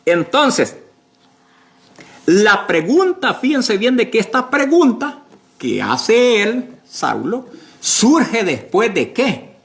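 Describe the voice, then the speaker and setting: A male pastor preaching a sermon slowly and emphatically, with many fillers and repeated words. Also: sits high, sing-song.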